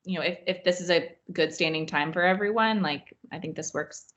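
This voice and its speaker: A woman's voice: fairly low pitch, brisk, a bit bright. A woman on an online meeting call, speaking hesitantly with many fillers. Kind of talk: casual online meeting discussion. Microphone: video call.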